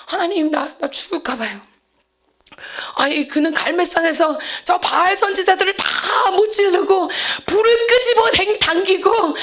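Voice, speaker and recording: Very high-voiced woman preaching with fervor. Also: fairly bright tone. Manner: impassioned preaching, acts out biblical figures in a low voice. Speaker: pastor. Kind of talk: sermon. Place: prayer center sanctuary.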